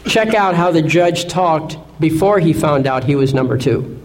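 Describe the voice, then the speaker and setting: A man's voice: fairly high pitch, lively intonation, moderate pace, rough recording. A man lecturing an audience in an assertive way, often asking rhetorical questions and checking in with "Okay?". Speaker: seminar speaker.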